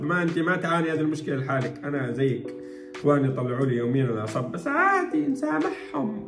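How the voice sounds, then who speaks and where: A man's voice: on the high side, gravelly. A man hosting a video reaction, talking playfully and teasing with frequent laughs. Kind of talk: casual reaction commentary. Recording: roomy sound with background music.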